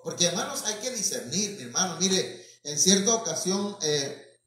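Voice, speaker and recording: A man's voice: sits high, animated, moderate pace, a bit bright. A man, preaching a storytelling sermon as pastor and calling his listeners brothers, with many fillers. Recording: echoey church from far off.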